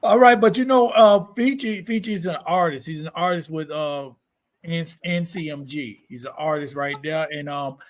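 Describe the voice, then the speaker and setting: High-voiced male podcast host. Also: moderate pace. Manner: short backchannel replies and introductions. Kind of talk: casual podcast hosting.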